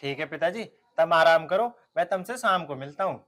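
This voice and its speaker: एक युवा आदमी जो मेहनती बने गाँव के प्रधान के बेटे का किरदार निभा रहा है, हरियाणवी लहजे में सच्चे दिल से बोलता है।. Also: male voice, on the high side, animated, moderate pace, fairly bright tone. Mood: respectful. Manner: earnest, heartfelt. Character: reformed young village man, earnest and devoted. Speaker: headman's son, laborer. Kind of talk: rural comedy film acting.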